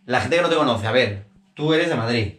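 A Spanish man in his thirties chats quickly and animatedly, piling on fillers and restarts as he hosts a relaxed interview. He sits on a sofa in a small room, picked up by a camera a few feet away, and the walls give his voice a noticeable echo. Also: mid-range voice. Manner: chatty, animated, gesturing with hands, many fillers and restarts. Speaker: interviewer, channel host. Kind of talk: casual sit-down interview. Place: small bedroom sitting on a sofa. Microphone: camera on a tripod a few feet away.

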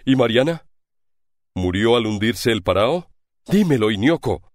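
A man's voice: medium pitch, animated, a little slow, no room sound, lightly acted. A man voicing a proud, fierce pirate prince held captive in chains, crying out in desperation. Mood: urgent. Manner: desperate outcries.

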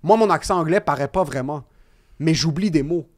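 Animated Québécois man telling stories. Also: fairly high pitch, moderate pace. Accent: Québécois French. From Quebec. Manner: animated, self-mocking storytelling with frequent swearing. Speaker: comedian guest. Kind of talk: casual podcast chat.

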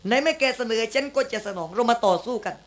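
A man's voice: extremely high pitch, lively intonation, fast talker. Figure: man voicing a stern spirit's daughter. Style: puppet play. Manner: stern, menacing, formal threats. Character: haughty young woman, guardian spirit's daughter. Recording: loud puppet-theatre band music behind.

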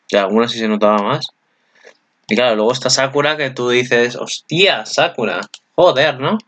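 A man's voice: mid-range voice, highs cut off. A man, chatting casually as channel host in a rambling way, often correcting himself. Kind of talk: casual anime commentary.

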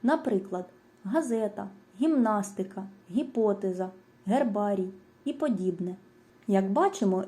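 A woman reading a scripted lesson, going through lists of example words in a clear, measured way. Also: mid-range voice, dark tone. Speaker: teacher. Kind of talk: scripted educational narration.

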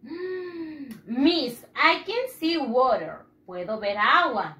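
A woman's voice: sits high, lively intonation, very slow, pushed and bright, roomy sound, full character voice. A woman teacher voicing an eager young pupil who politely answers her, calling her miss.

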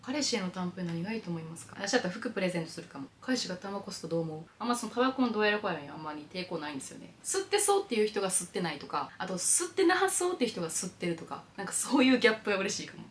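A woman's voice: mid-range voice, big pitch swings, rapid-fire, few pauses, a little hiss or hum. A young woman with a Kansai Japanese accent, chatting playfully through viewer questions in a vlog. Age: young adult. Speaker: YouTuber. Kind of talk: casual Q&A vlog. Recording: music playing underneath.

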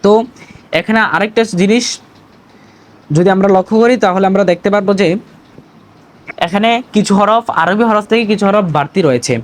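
Patient man teaching letters slowly. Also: sits high, poor audio. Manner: patient, deliberate letter-by-letter teaching with frequent "to" fillers; stresses pronunciation and asks viewers to repeat. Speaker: Urdu teacher. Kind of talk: recorded online language lesson.

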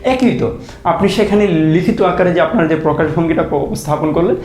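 A man with a high voice teaches an English vocabulary lesson. He asks questions aloud, repeats phrases, and stretches words slowly to show pronunciation. His voice rings in a roomy, echoey space. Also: darkish tone, a little hiss or hum. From Bangladesh. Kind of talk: explanatory lesson.

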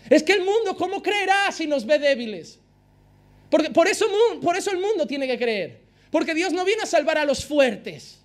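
A pastor preaching an impassioned sermon, repeating phrases for emphasis. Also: male voice, extremely high pitch, fairly bright tone.

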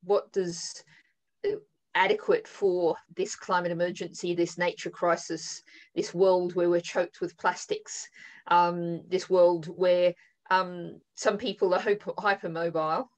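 A woman moderating an online panel discussion over a video call, speaking thoughtfully and haltingly with frequent fillers. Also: lowish voice, fairly even intonation, low-quality recording. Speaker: webinar moderator.

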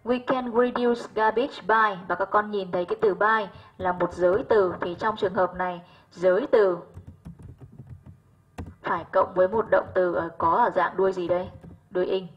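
A woman's voice: mid-range voice, steady tone, moderate pace, slightly rough, muffled recording. A Vietnamese-speaking woman teaching English, working through exam answers one by one in a patient voice and often asking whether students follow. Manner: patient, checks understanding with frequent "right?".

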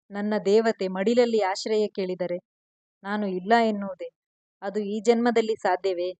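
A woman storyteller narrating a romance in the first person, gentle and emotional. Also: mid-range voice, dry recording.

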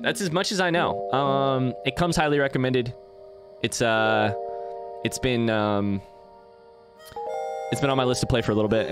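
Profane, easygoing game streamer. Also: male voice, medium pitch. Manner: loose and profane, jokey. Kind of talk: casual let's-play commentary. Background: game music.

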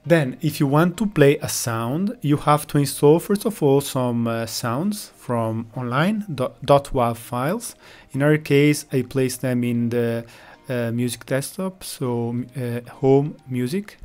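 A man's voice: medium pitch, lively intonation, takes it slowly, a little mellow. A man, not an English speaker, walks through a coding tutorial in a hesitant way, with many fillers as he searches for words. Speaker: software tutorial presenter. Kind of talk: screen-recorded coding walkthrough.

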